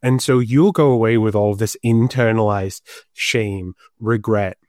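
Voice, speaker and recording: This Liverpool man is an urban planner and improv comedian appearing as a guest on a conversational podcast, where he talks animatedly and pokes fun at himself. His voice sits on the low side with a darkish tone and comes a little slow. The recording is dry and studio quality.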